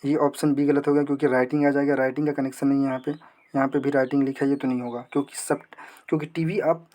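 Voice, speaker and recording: A man's voice: medium pitch, flat delivery, darkish tone. Man teaching exam prep. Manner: asks and answers own questions, reads English slowly. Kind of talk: exam prep lesson explaining questions.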